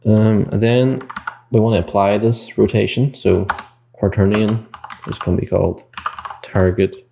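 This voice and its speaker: Deep gravelly man explaining code. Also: noisy background. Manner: explains code step by step, thinking aloud; corrects himself mid-sentence. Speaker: game development tutor. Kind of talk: screen-recorded coding tutorial.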